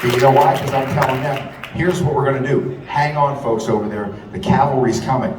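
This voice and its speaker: A fairly quick man with a mid-range voice, who works as a radio host and rally speaker, pours out a passionate, profane speech that keeps repeating itself. It was captured at a distance inside a big, reverberant hall, and loud crowd and hall noise surround him.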